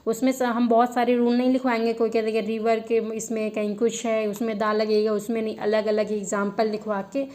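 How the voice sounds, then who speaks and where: A woman's voice: fairly high pitch, completely flat delivery, a little fast, hardly any pauses, darkish tone. A woman teaching an English grammar lesson, asking her students questions and answering them herself, and repeating the key words as a drill.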